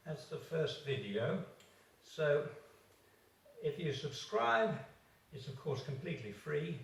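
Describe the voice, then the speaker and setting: A man, a doctor, slowly coaching home exercises while demonstrating them, a little out of breath. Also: mid-range voice, vocal fry. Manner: slow, encouraging, demonstrating while talking. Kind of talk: instructional exercise video. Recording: echoey room, far from the mic.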